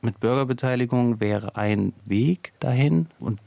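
A man's voice: medium pitch, a little slow, vocal fry, mellow, no room sound. A male sociologist explaining in a radio interview, thinking aloud with fillers as he goes. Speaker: sociologist guest.

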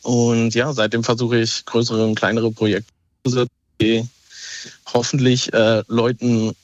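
The caller here is a thirtysomething man from Berlin, Germany, who rings a radio show for a casual conversation and explains himself haltingly, restarting often and using many fillers. His mid-range voice barely moves in pitch and keeps a measured pace; the telephone recording is dry, dull and lo-fi.

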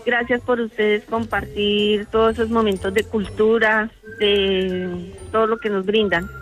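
A woman from Colombia, calling a radio show and telling her travel stories warmly. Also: mid-range voice, level tone, a little slow, soft background music, rough recording. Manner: warm, talkative storytelling. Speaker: radio caller.

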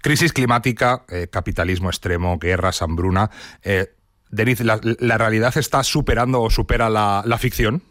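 A man interviewing a guest, pausing with fillers as he frames his questions. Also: lowish voice, a bit bright, no room sound, clean studio sound. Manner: hesitant, with fillers before questions.

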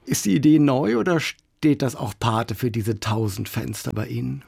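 A male radio host in a studio, introducing and questioning a guest author with a measured, deliberate delivery. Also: mid-range voice, lively intonation, creaky, darkish tone, husky, no echo. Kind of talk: radio interview. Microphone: studio microphone.

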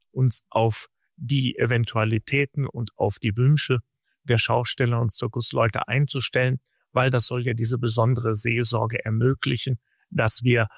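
Gravelly-voiced man explaining his ministry. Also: mid-range voice, dry recording, clean studio sound. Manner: measured, explanatory, long sentences. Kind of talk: radio interview answers.

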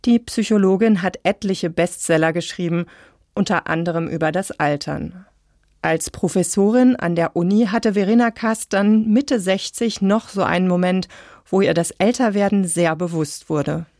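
A woman reading a calm, scripted science radio feature. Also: lowish voice, normal speed, no room sound, studio quality. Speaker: radio narrator.

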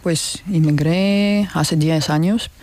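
A woman whose first language is Russian speaks as a radio guest. Her Spanish is hesitant and she pauses often. Her voice sounds dry and close. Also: sits low, darkish tone, no room sound. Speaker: guest, community founder. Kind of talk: remote interview.

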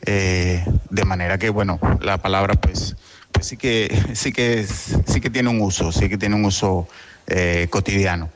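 A man's voice: sits low, fairly even intonation, a little slow, a little hiss or hum. A man from Venezuela leaving a hesitant voice message for a radio show, with fillers and restarts. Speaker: listener sending a voice message. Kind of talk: recorded voice message.

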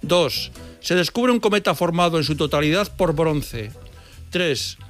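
A playful radio quiz host reading out questions, his voice pitched a little high. He pokes fun at himself between the questions. Faint music runs beneath his voice. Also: unhurried, a bit bright. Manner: playful, self-mocking.

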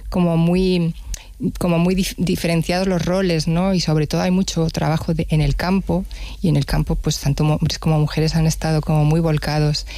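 A woman's voice: sits low, little pitch movement, normal speed, warm tone, no echo. A woman jazz musician, a radio interview guest, speaking reflectively and stammering now and then. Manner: reflective, stammers on some words.

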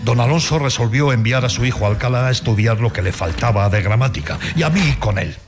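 A man's voice: mid-range voice, a little fast, over music. A man narrating a literary audio drama from a script.

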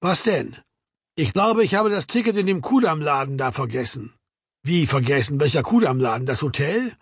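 Husky man reading an audiobook. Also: a little high, big pitch swings, moderate pace, dry recording, clean studio sound. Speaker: audiobook reader.

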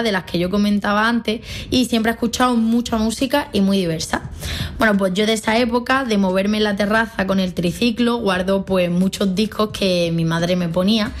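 A young woman from Málaga with an Andalusian accent, giving a fast, joking, chatty radio monologue. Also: medium pitch. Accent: Andalusian Spanish from Málaga. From Spain. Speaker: radio presenter.

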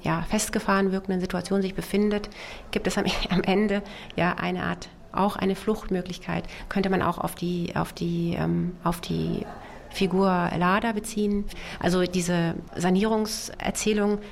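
A hesitant, thoughtful woman novelist speaks in a literary interview, with a lowish, creaky voice, little pitch movement and an unhurried pace. Born to Soviet immigrants in Germany, she has Russian as her first language. Her answers are full of fillers and restarts.

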